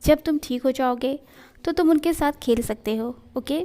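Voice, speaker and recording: A caring mother who speaks gently but firmly, read by a woman in a high voice. She sounds firm and kind in this read-aloud story. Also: moderate pace, close to an everyday voice. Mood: tender. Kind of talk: storytelling in a fan fiction reading.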